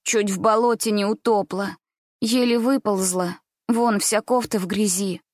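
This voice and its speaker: A woman's voice: mid-range voice, fairly even intonation, measured pace, no echo, clean studio sound, natural voice. A woman voicing a frightened, desperate young girl who pleads and cries out accusations. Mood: fibbing.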